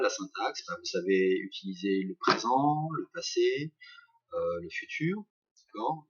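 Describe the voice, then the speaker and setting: A middle-aged male teacher with a French accent records instructions from home during lockdown, full of fillers and restarts. His voice is deep, husky, and a bit bright, captured by a webcam or laptop mic that sounds muffled and lo-fi.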